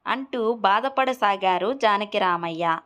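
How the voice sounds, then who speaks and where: A woman narrating a children's moral story in a steady, expressive manner. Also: mid-range voice, slow, smooth.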